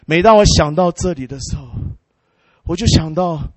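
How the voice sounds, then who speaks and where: A male preacher with a notably high voice tells a story to his congregation, bursting into hallelujah and amen. He talks in an animated way and mixes in English words. The recording is dry and close, with no room sound. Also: normal speed, no room sound. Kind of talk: sermon storytelling.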